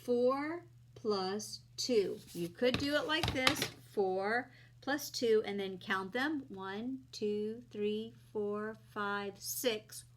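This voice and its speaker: A woman's voice: medium pitch, drawn-out words, noisy background. A woman teaching young children like a kids' show host, explaining simply step by step and asking her listeners questions.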